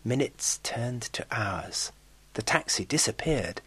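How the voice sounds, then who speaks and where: Husky, lively British radio correspondent. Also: male voice, medium pitch, takes it slowly. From Britain. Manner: wry, storytelling narration. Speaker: foreign correspondent. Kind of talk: scripted radio travel report.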